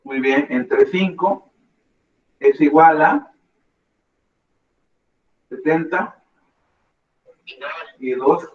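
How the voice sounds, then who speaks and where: A man's voice: fairly high pitch, drawn-out words, pauses often. A man teaching a math class, patiently guiding students step by step. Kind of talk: classroom lesson. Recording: echoey classroom, dull lo-fi sound.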